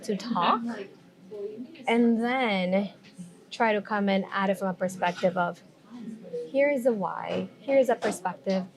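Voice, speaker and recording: A Mexican woman with a Mexican Spanish accent is a guest on a casual podcast chat, reflecting aloud and often checking in with "right?". She speaks unhurriedly at a medium pitch, pausing often, with crowd noise behind her.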